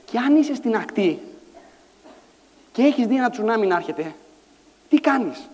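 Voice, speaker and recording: Male conference speaker, high voice, lively storyteller, hall reverb. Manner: animated storytelling, acts out dialogue, shouts lines. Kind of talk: motivational stage talk. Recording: echoey hall sound.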